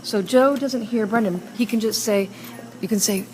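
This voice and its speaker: A woman's voice: on the high side, normal speed, darkish tone, poor audio. A woman teacher leading a classroom discussion with children, coaxing them with question after question.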